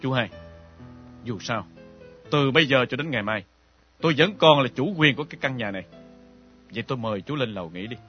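A middle-aged actor playing a worried father and homeowner who speaks politely and tries to smooth things over. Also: medium pitch, animated, a little fast, pauses often, lightly acted. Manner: conciliatory, polite. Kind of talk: radio drama acting. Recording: dull lo-fi recording with faint music.

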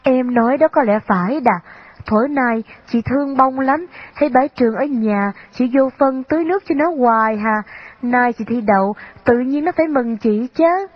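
A woman voicing a gentle young woman, a kind older sister, speaking with soft, tender pleading in a storybook. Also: high-pitched, moderate pace, voice pushed up. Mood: cheerful. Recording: slightly dull lo-fi recording.

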